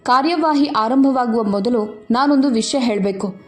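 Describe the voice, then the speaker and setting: A woman voicing a solemn male judge who speaks in a grave, measured way. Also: fairly high pitch, faint music behind, close to an everyday voice. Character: grown man, a solemn judge.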